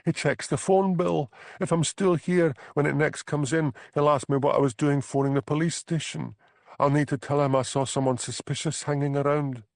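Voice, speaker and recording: In a clean, echo-free studio recording, a man reads an audiobook at a moderate pace, his gravelly, darkish voice keeping a fairly even intonation. He voices an anxious young crofter's wife, trapped in an unhappy marriage and tearful, using a high-pitched, plaintive, pleading manner.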